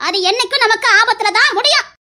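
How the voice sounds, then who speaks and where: A woman's voice: extremely high pitch, fast, sharp tone, heavily acted. A woman playing a stern old grandmother who lectures the family, with a Tirunelveli Tamil accent. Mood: lecturing. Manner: scolding, lecturing the youngsters.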